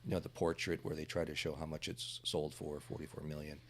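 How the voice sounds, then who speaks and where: A man with a very deep voice talks on a podcast panel as a defense trial lawyer. He speaks haltingly and leans on fillers as he recalls cases. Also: flat delivery, slight background noise.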